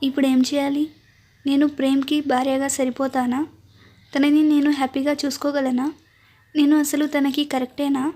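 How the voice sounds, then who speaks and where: A woman's voice: high-pitched, little pitch movement, moderate pace, warm tone, lightly acted. A woman voicing an anxious young bride doubting herself in a storybook reading, in a hesitant tone. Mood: doubtful. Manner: hesitant, soul-searching.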